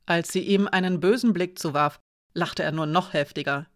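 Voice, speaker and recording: A woman narrating a fantasy audiobook in a calm, even storytelling manner. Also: lowish voice, normal speed. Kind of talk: scripted narration.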